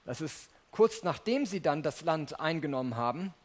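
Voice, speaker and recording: A man's voice: fairly high pitch, lively intonation, moderate pace. A man preaching a sermon in a conversational way, speaking directly to his listeners and reading scripture aloud.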